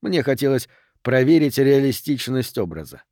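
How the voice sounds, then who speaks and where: Male reader as a refined male agent, Southern American accent, calm, courteous, polished, audiobook. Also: medium pitch, normal speed, dry recording, clean studio sound. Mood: suave.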